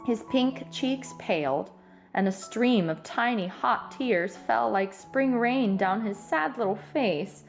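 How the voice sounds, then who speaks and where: A woman narrating a children's storybook aloud in an expressive read-aloud style. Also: on the high side, slow, vocal fry, soft background music. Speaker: storybook reader.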